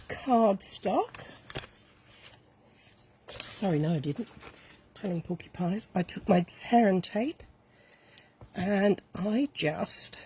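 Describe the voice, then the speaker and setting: A craft tutorial host, a bit croaky today, chats her way through a casual step-by-step demonstration, talking as she works with her hands and correcting herself. Her voice is medium in pitch and a little mellow, with slight background noise.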